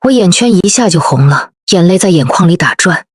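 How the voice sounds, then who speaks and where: A woman's voice: lowish voice, expressive, fairly quick, breathy edge, no room sound, clean studio sound. A woman in her forties narrating a first-person audio story in a subdued, wounded way.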